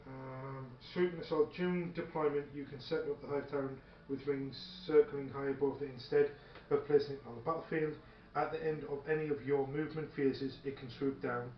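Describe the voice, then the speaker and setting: A man with a medium-pitched, steady voice talks a little fast and barely pauses while playing a tabletop wargame. He chats casually and hesitantly, thinking aloud and partly reading the rules out loud. The filmed game takes place in an indoor room, and the roomy, dull recording carries faint background noise and a radio playing.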